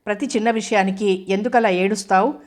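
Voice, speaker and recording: A woman's voice: medium pitch, fairly even intonation, brisk, darkish tone, natural voice. A woman reading the part of a drunk, defiant husband with thick, slurred speech in an audio novel.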